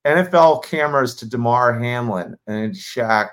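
A man's voice: mid-range voice, unhurried, a bit bright. A man co-hosting a fantasy football podcast in casual chat, easygoing and given to questions that trail off. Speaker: podcast co-host.

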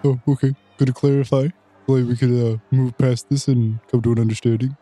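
A man's voice: medium pitch, fairly even intonation, a little fast, warm tone. A man playing a tabletop game, talking in casual in-game banter. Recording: music behind the voice.

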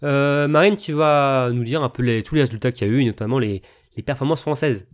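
A man hosts a casual sports podcast in a mid-pitched, everyday voice. He steers the conversation, handing over to his co-hosts. He talks in a relaxed way, pausing on fillers. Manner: hesitant, relaxed, leads the talk. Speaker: podcast host.

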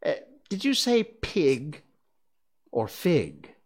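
A man's voice: fairly high pitch, wildly swooping pitch, extremely slow, pitched above the performer's own voice, full character voice. Cheshire Cat: a sly grinning cat, as a man puts him on. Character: sly grinning male cat, teasing and riddling. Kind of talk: storybook reading.

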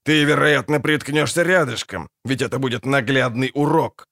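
A man voicing a grumpy, foul-mouthed dwarf wagon driver in an audiobook, gruff and barking. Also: medium pitch, normal speed, a bit bright, dry recording. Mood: grumbling. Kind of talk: audiobook character voice.

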